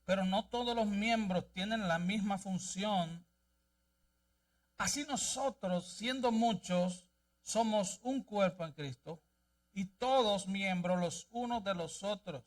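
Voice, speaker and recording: A man's voice: high voice, slow pace, recorded from a distance. A male pastor preaching a sermon and reading scripture aloud in a church, with an emphatic delivery. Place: church sanctuary.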